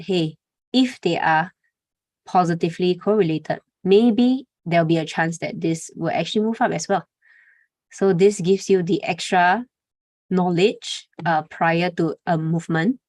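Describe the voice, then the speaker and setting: Low-voiced woman teaching trading. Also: darkish tone, no room sound. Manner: conversational, frequent "okay" and "right?" tags, fillers. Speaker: trading instructor. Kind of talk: live webinar presentation.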